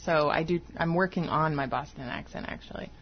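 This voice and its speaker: Lower-voiced woman explaining on radio. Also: a little fast, slightly rough, highs cut off. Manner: explains step by step, with examples. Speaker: guest expert, behavioral analyst.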